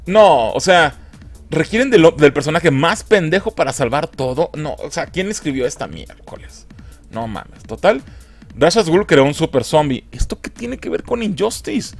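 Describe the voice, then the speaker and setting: A Mexican man mocking a film in a comic review, exasperated and crude. His voice sits somewhat high and swings widely in pitch. Faint music plays in the background. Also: big pitch swings, moderate pace, creaky. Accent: Mexican Spanish.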